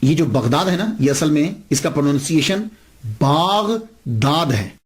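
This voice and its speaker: A man's voice: a little high, lively intonation, fairly quick, a little mellow. A male preacher telling a religious story as a sermon, emphatic and full of rhetorical questions.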